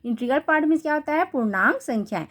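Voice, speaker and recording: A woman's voice: high voice, animated, a bit bright. Woman teaching math, rhetorical questions. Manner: reads English definitions slowly, then explains with repeated rhetorical questions. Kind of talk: classroom lesson explaining.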